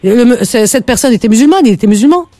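A woman's voice: a little high, animated, fast, warm tone, dry recording, soft background music. Radio host woman, chatty and emphatic, dry close studio sound. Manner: chatty, emphatic, frequent laughs. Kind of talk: casual call-in chat.

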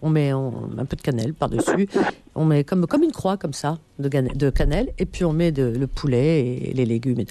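A woman's voice: deep voice, moderate pace, warm tone, no echo. A woman hosting a call-in radio show, chatting casually and teasing her caller with lots of fillers. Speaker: radio host.

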